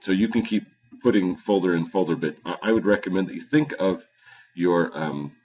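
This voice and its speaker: At home, a male teacher records a halting computer tutorial of his screen, full of fillers and restarts. The sound is dull and lo-fi, picked up by his computer's low-quality built-in microphone.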